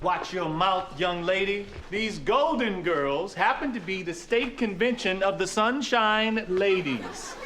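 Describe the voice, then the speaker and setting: An actor playing a stern restaurant manager who scolds staff and then turns showy with customers. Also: male voice, high-pitched, animated, takes it slowly, few pauses, sharp tone, slight background noise, full character voice. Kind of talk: sitcom acting.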